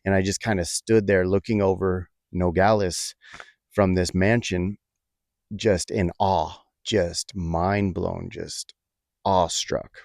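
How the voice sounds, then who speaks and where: A man telling a personal story in a reflective, halting way, with many fillers and restarts. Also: low-pitched, little pitch movement, gravelly, darkish tone, dry recording, clean studio sound.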